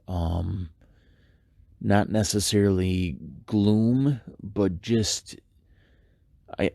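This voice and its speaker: A man with a very low, gravelly voice hosts a devotional podcast. He talks in an earnest, reflective way, stopping and restarting often. The recording is dry and close, with no room echo. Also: a little mellow. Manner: halting, many fillers and restarts. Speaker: podcast host. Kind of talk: casual devotional monologue.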